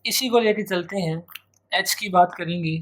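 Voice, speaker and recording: An English teacher from Pakistan gives a grammar lecture for exam prep, repeating key phrases and drawing out his example words. He speaks at a moderate pace in a high-pitched voice, with slight background noise.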